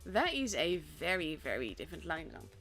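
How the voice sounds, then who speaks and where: Low in pitch yet fairly bright, her voice is very animated at a normal speed. The young woman, a Dutch-accented native speaker from the Netherlands, works as an esports caster and streamer, rambling casually with fillers and false starts while covering a tournament on stream. Stream music is faintly audible.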